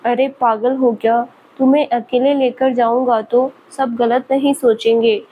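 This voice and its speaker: A woman's voice: a little high, fairly even intonation, measured pace, dull audio, slight background noise, lightly acted. A woman voicing a playful, mischievous young male professor who teases and laughs at his student. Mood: teasing. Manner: teasing, laughing at her.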